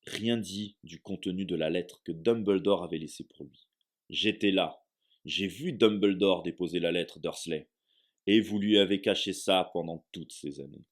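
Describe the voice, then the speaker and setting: A man reading aloud, voicing a huge, hot-tempered male half-giant groundskeeper with booming outbursts. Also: moderate pace, natural voice.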